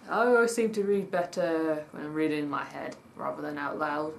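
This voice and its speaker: In a daytime vlog at home, a woman with a low, husky, still-cold voice reads items from a list and chats about them in a meandering way, sometimes spelling words out letter by letter. Her delivery is brisk with fairly even intonation, and faint traffic drifts in from outside.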